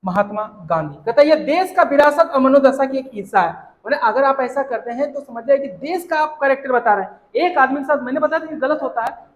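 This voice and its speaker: A teacher explaining a textbook lesson line by line, reading English lines slowly and checking understanding. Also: high-pitched, lo-fi sound. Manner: explains with everyday examples, filler "है ना". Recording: roomy echo.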